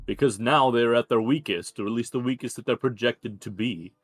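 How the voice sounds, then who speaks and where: A man's voice: mid-range voice, brisk. A man playing a tabletop game, making a reasoned argument in play.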